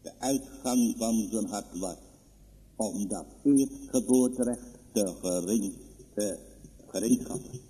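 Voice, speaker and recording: A man preaching a sermon in a church, solemn and emphatic, with sudden high outbursts. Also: slow, dark tone. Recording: long reverb of a church hall.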